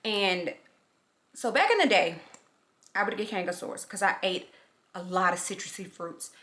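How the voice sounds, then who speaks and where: A woman's voice: medium pitch, expressive, normal speed, bright, forceful tone. A middle-aged woman chatting casually in a get-ready-with-me vlog, rambling and repeating herself, talking with a swollen lip. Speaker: vlogger.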